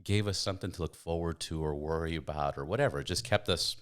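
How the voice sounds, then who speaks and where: A man hosts a podcast in a casual, animated way, dropping in loose profanity as he talks. His voice sits very deep, among the lowest for men. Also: fast talker, smooth. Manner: animated storytelling, swearing casually. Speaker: podcast host. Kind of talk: casual conversational interview.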